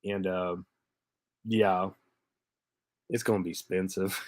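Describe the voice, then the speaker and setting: In a low-pitched, flat, slow voice with no echo, a man in his thirties runs a live diecast car stream despite a stuffy head cold. He stays relaxed and chatty, calling out viewers by name between little laughs.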